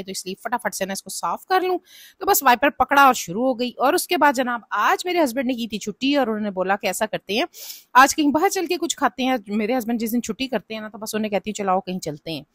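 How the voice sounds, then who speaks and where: High-voiced woman vlogger. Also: fairly bright tone, no room sound, clean studio sound. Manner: chatty and advice-giving, with frequent "na" and "janab". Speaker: family vlogger. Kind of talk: casual vlog narration.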